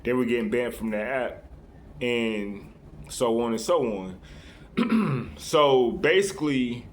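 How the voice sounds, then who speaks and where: Man, earnest vlog monologue, rambling, restarts, ordinary middle pitch, faint background hiss. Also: slow. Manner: rambling, many restarts and "right?" tags; earnest, confiding. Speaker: vlogger addressing his viewers. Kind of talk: casual unscripted monologue.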